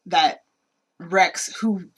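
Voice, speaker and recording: A woman's voice: fairly low pitch, drawn-out words, breathy edge. A woman co-hosting a podcast, casually talking through a film and acting out the characters' lines as she goes. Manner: animated retelling, acts out characters' lines. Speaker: podcast co-host.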